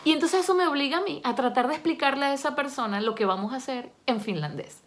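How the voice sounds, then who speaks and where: Chatty woman, higher voice. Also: fast talker. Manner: chatty and expressive, laughs often while telling stories. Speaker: vlogger and language learner. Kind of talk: casual talk to camera.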